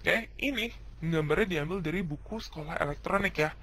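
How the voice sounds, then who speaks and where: High-voiced man teaching in slang. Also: brisk, pushed and bright, a little hiss or hum, rough recording. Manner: slangy Jakarta-style casual teaching, upbeat. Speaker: English teacher. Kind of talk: casual video lesson.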